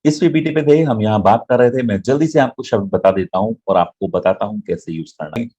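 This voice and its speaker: A man's voice: lowish voice, fairly quick, mellow, slightly rough, lo-fi sound. A man teaching an online English grammar lesson, explaining in Hindi mixed with English and often checking "right?" with his viewers.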